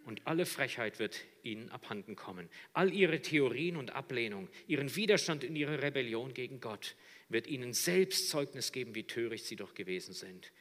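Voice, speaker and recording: A man preaching a sermon, swinging dramatically between hushed near-whispers and loud, soaring shouts. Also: medium pitch, lively intonation, moderate pace, long reverb tail.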